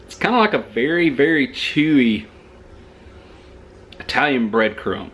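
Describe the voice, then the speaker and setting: A man's voice: medium pitch, expressive, a little slow, fairly bright tone, husky. A man with a Southern US accent, chatting through a rambling, joking food review at home, talking into a camera mic.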